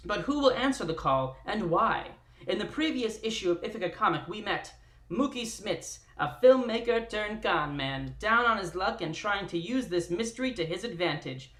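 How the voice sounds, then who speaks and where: A streamer putting on an old-time radio announcer voice to narrate a recap in theatrical 1940s radio style, with punchy dramatic pauses. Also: medium pitch, expressive, fairly bright tone, close to an everyday voice. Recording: roomy echoey room.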